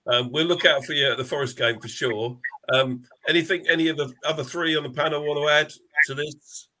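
A man's voice: on the high side, steady tone, fairly quick, pushed and bright, poor audio. A man hosting a fan podcast in a friendly, chatty way, losing his voice a little. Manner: friendly, chatty, many fillers. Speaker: podcast host. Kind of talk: casual podcast chat.

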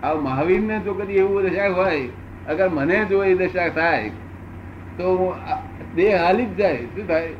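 A man in his seventies answering questions as a spiritual teacher, unhurried and repeating phrases for emphasis. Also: sits high, highs cut off, background noise. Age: 70s.

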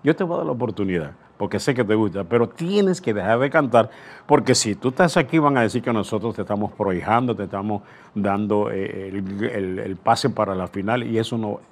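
A man's voice: on the low side, brisk. An old man quoting a fatherly station owner. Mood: amused questioning. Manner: questioning, kindly firm. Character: amused, fatherly male radio station owner.

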